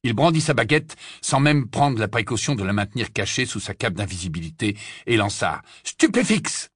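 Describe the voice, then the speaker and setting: A man reading a fantasy novel aloud as an audiobook narrator, with expressive storytelling. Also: on the low side, fairly quick, breathy edge, no room sound, clean studio sound. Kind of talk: scripted narration.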